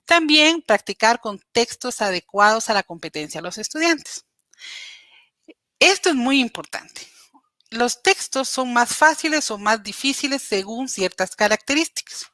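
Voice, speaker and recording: A woman's voice: fairly high pitch, expressive, a little slow, sharp tone, no echo. A woman giving a patient, explanatory slide lecture on teaching reading, speaking straight to her listeners with small hesitations. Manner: patient, explanatory, addresses listeners directly with frequent "eh" fillers. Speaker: literacy educator presenting. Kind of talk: recorded slide presentation lecture.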